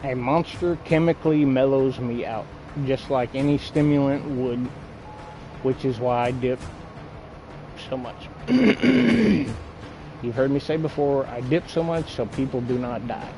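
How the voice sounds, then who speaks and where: A man's voice: medium pitch, unhurried, over music, rough recording. A man rambling casually and bluntly with plenty of swearing, talking with a lip full of dipping tobacco. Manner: blunt, coarse, frequent swearing. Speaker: gaming video creator.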